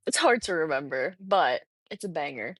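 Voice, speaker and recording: A woman's voice: sits low, sing-song, moderate pace, slightly rough, no echo, clean studio sound. A woman co-hosting a livestream, giving short wry replies and laughing often. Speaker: livestream co-host. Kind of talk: casual livestream chat.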